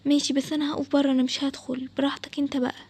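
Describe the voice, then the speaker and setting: A woman's voice: high-pitched, level tone, darkish tone, natural voice. A woman with an Egyptian accent voicing a frightened, cautious young girl who pleads anxiously. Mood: scared worried. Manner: worried pleading, quick. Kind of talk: storytelling for an animated game video.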